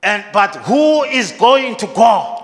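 A middle-aged man preaching and praying in a church, speaking in short repeated phrases with pauses for an interpreter. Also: sits high, very animated, fairly bright tone. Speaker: pastor. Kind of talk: sermon with prayer, paused for interpreter. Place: large church hall indoors. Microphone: handheld mic. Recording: reverberant church hall.

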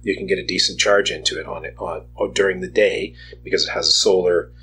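A man's voice: low-pitched, fairly even intonation, fast talker, sharp tone, a little hiss or hum, rough recording. A man co-hosting a podcast, giving rambling casual advice with many restarts and asides. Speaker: podcast co-host.

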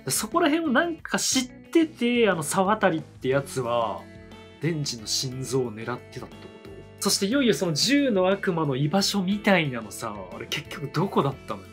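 Faint music sits behind this man in his thirties, who hosts an anime reaction video from a small indoor studio. At a normal speed, his slightly high, slightly bright voice moves through big pitch swings. He muses aloud with short reactions and laughter, keeping the commentary casual.

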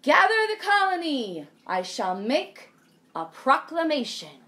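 A woman's voice: high-pitched, big pitch swings, slow pace, pushed and bright, pitched above the performer's own voice, heavily acted. A woman voicing a wise, regal old male naked mole rat grandfather who makes a proclamation in a heroic voice. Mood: proclaiming.

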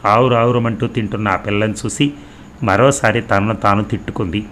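Sex: man. Role: storyteller. Style: novel read aloud. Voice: low-pitched. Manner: steady, expressive. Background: faint noise. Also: moderate pace.

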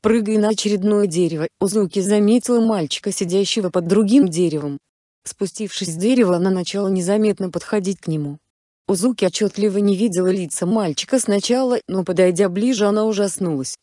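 Mellow-voiced woman reading a story. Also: mid-range voice, no room sound, clean studio sound. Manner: even, unhurried storytelling, voicing all characters in her own voice. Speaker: narrator. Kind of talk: reading a fan fiction story aloud.

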